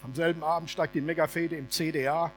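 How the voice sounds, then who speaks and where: Brief: animated male preacher, colloquial and funny, retelling a story. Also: on the high side, quick pace, soft background music. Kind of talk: sermon told as a lively story.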